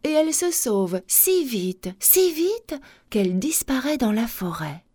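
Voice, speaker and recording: A woman reads a children's tale aloud at a slow, careful pace. Her voice sits fairly high and rises and falls with lively expression. The recording is dry and close. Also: dry recording. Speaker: storyteller. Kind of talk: children's story reading.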